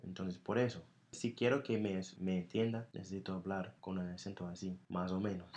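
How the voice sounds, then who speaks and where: A man with an American accent, a native English speaker, co-hosting a casual chat and often pausing to search for words. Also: sits low, level tone, darkish tone, lo-fi sound. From United States. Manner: hesitant, searching for words as a learner. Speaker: podcast co-host. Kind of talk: casual conversation.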